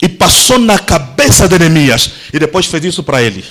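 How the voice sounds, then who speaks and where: A male pastor, telling a Bible story as a dramatic Pentecostal sermon, acting out voices and shouting at the peaks. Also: a little high, very animated, fairly quick, poor audio. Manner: theatrical, acts out the story's voices, shouts at climaxes.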